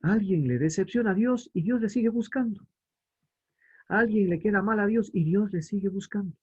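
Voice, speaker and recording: A man's voice: sits high, a little mellow, breathy edge, highs cut off. A man giving a religious lesson to families, explaining patiently and asking questions that he answers himself. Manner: reads scripture aloud slowly. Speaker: family catechist.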